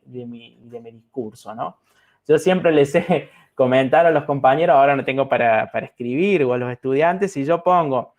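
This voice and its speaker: High-voiced man giving a reflective talk. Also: a little mellow. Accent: Argentine Spanish. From Argentina. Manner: reflective, addresses listeners with frequent "¿no?" and fillers. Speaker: lecturer. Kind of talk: recorded talk to students.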